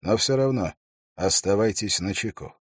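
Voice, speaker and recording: A bearded older warrior in a storybook, steady and commanding, who talks quietly and reassuringly, as a man reads him. His voice is low, husky and dry, with no room around it. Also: moderate pace, dry recording. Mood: calm.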